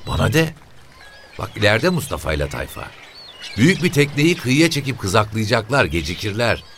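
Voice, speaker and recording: A man voicing an old woman, a fishermen's mother, with a shrill, grating voice and sharp, pestering questions. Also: very animated, a little fast, gravelly, slight background noise, full character voice. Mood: prying. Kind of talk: audiobook character voice.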